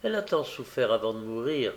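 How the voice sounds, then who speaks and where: A man's voice: medium pitch, very animated, brisk, lightly acted. A frail, feverish little boy in an audiobook, faint and wistful, barely able to speak above a murmur. A man reads him close to his own voice. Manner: faint, wistful, soft-spoken. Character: weak, feverish, gentle young boy. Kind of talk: audiobook character reading.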